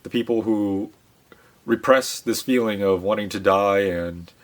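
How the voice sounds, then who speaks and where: A man giving a casual monologue to his audience, speaking in a subdued, reflective way with many pauses, fillers and restarts. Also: fairly low pitch. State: subdued, low-spirited. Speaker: channel host.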